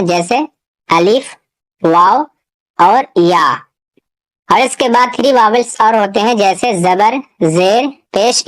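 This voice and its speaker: A woman teaching a beginners' reading lesson, explaining step by step and sounding out each syllable slowly. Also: fairly high pitch.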